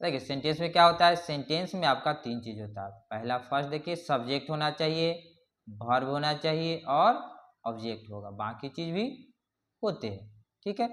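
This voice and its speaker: A man teaching a grammar lesson, slowly reading out English definitions word by word and often checking in with his class. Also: fairly high pitch, lively intonation, fairly bright tone. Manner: slow explaining, reads English definitions word by word, repeats "ठीक है".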